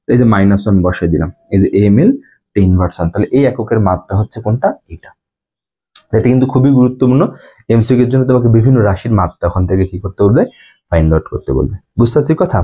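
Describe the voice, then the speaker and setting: Young man, physics tutor, mellow husky voice, repeats himself, quizzes the class. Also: medium pitch. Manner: repetitive, asks students check questions. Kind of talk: classroom lecture.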